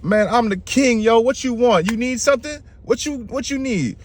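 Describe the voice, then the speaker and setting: A man's voice: extremely high pitch, moderate pace, pitched above the performer's own voice. A man putting on the voice of a pompous, boastful king who brags in street slang. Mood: lordly. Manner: swaggering street-slang bragging.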